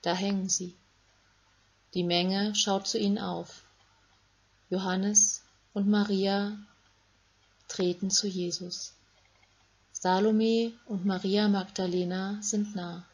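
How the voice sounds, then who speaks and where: A woman reading a Bible story aloud in a calm, measured way, with short phrases. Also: mid-range voice, breathy edge. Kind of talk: scripted Bible story narration for children.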